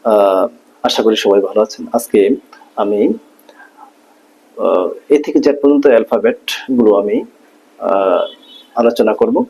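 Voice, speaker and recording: Mellow-voiced male teacher. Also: on the low side, vocal fry, husky, rough recording. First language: Bengali. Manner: hesitant, many filler sounds, slow drawn-out demonstration of letter sounds. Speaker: English teacher. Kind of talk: spoken phonics lesson.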